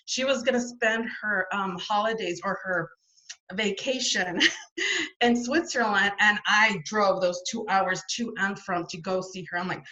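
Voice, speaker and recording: This woman, not a native French speaker, talks unhurriedly in a mid-range voice with a sharp edge, and the recording has its highs cut off. She's a guest on a video call giving a casual, rambling account of her story, restarting often and using many fillers.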